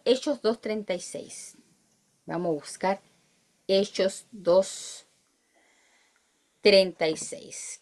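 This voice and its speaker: A woman with a Chilean accent teaching a Bible study, reading verses aloud and asking her listeners questions. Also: mid-range voice.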